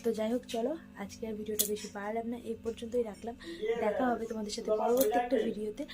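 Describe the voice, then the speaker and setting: A woman speaking quietly in her bedroom at night during a family vlog, keeping her voice down next to a sleeping child. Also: a little high, fairly even intonation, rapid-fire, over music. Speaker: vlogger. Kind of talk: hushed bedtime vlog chat.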